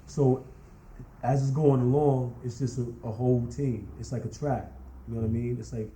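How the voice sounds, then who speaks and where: A man's voice: medium pitch, fairly even intonation, normal speed, warm tone. A man chatting casually about how he builds his beats, repeating "you know what I mean". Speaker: DJ interviewee. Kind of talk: casual chat. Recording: roomy with faint noise.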